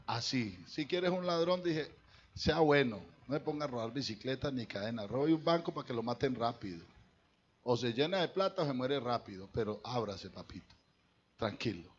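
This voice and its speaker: A man's voice: medium pitch, animated, normal speed, highs cut off. A man, a pastor preaching a sermon to his congregation in a conversational way, talking straight to them. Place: church.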